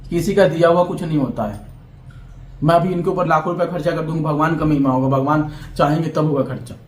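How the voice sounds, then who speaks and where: A man's voice: a little high, fast talker, reverberant, slight background noise. A young man from Bihar, vlogging to camera in a heated, defiant monologue that lectures and keeps checking that his listeners understand. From Bihar, India.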